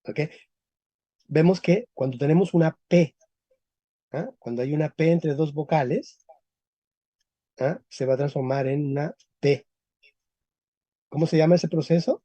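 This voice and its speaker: Male lecturer, slow-paced and dark-toned, explaining and checking in often; dull, lo-fi capture. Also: fairly high pitch, dry recording. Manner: explanatory, checks understanding with frequent tag questions. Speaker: teacher. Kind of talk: Spanish historical linguistics lecture. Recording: dull lo-fi recording.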